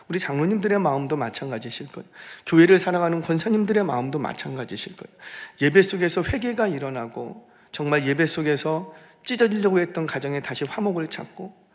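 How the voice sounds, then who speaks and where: Animated male pastor preaching. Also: fairly high pitch, long reverb tail. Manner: animated, repeats phrases for emphasis. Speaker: senior pastor. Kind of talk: sermon.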